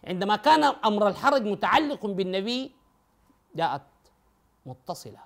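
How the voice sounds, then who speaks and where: A man's voice: sits high, big pitch swings, normal speed, fairly bright tone. A man giving a methodical lecture on scripture and spelling rules, reciting verses and speaking directly to his listeners. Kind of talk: explanatory religious lecture.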